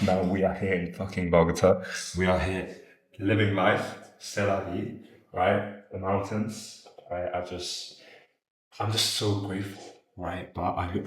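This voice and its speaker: A vlogger in his twenties, sitting in a room in Bogota, talks to camera in a low voice, casual and earnest, rambling a bit, asking "right?" and occasionally swearing. The audio is poor and reverberant.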